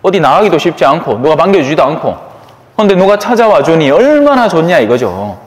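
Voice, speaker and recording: Gyeongsang priest, homily, high lively voice, chatty, long church reverb. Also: male voice, a little fast. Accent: Gyeongsang Korean. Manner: conversational, chatty, asks listeners for agreement. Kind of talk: sermon.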